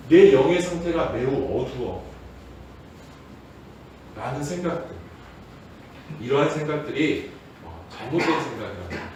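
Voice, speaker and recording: Male pastor, sermon, high lively voice, storytelling, echoey church hall, distant mic. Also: a little hiss or hum. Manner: lively storytelling, acting out shouted prayers. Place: church sanctuary.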